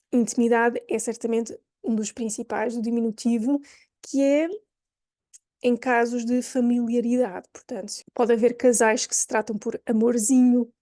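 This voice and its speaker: Woman, Lisbon accent, language teacher, chatty asides, fairly high, mellow tone, dry close sound. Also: no room sound. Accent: Lisbon Portuguese. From Portugal. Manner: chatty, thinks aloud with restarts and asides. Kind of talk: explaining lesson to camera.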